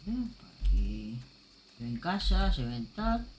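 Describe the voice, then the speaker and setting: A woman's voice: low-pitched, big pitch swings, slow pace, a little mellow, slight background noise. A woman streamer from gives casual commentary on her game. She talks straight to her viewers and thinks aloud. Her voice swoops up and down a lot.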